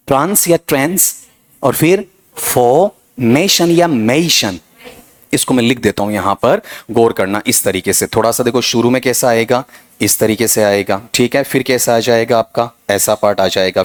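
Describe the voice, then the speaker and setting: A man teaching an English grammar lesson, quizzing his students and drilling pronunciation. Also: lowish voice. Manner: drilling, questioning students, calls them beta ji. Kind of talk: exam coaching lesson.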